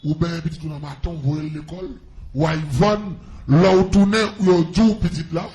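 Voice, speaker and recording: A man's voice: a little high, fairly even intonation, moderate pace, warm tone, roomy sound. A man with a Haitian accent preaching a testimony to a congregation, calling out to them with fervor. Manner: impassioned preaching with call-outs to the congregation.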